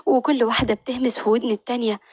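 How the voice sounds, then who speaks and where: Brisk woman narrating a story. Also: fairly high pitch, fairly even intonation, husky, dry recording, lo-fi sound.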